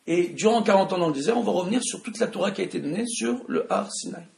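A man with a Tunisian French accent teaching a religious study class to an audience in a room. He speaks loudly and with emphasis, and often asks his listeners questions. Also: sits high, lively intonation, fast talker, gravelly. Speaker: Torah teacher. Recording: echoey room.

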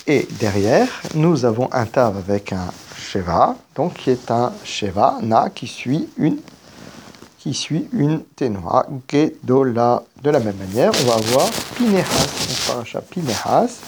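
A man's voice: medium pitch, gravelly, a little hiss or hum. A man giving a spoken grammar lesson, explaining each rule step by step and stopping now and then to correct himself. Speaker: teacher of biblical Hebrew grammar.

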